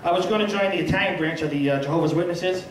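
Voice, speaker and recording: A man's voice: fairly high pitch, rapid-fire, background noise. A man doing a self-deprecating stand-up comedy set of punchy one-liners in a small restaurant. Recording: echoey room, far from mic, crowd laughing.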